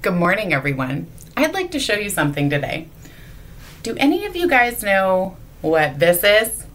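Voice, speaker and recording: A woman's voice: mid-range voice, big pitch swings, normal speed, a bit bright. A woman giving a playful children's object lesson in church, teasing and asking her young audience questions. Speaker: children's sermon leader. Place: church sanctuary.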